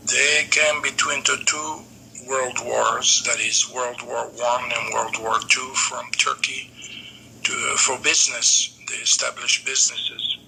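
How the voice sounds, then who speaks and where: A Morocco-born man in his seventies recalls his childhood for his grandson over a video call, unhurried and pausing often on "uh". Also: medium pitch, fairly even intonation, vocal fry, noisy background. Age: 70s. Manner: unhurried reminiscing, pauses often on "uh". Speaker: grandfather being interviewed. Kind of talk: remote family interview.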